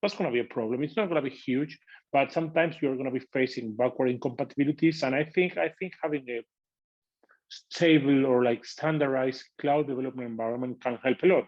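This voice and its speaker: A man with an Argentine accent speaks as an interview guest, explaining things in a conversational way. His pitch sits in an average male range, and the recording is a little dull and lo-fi. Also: a little fast, a little mellow. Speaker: podcast guest, tech product manager.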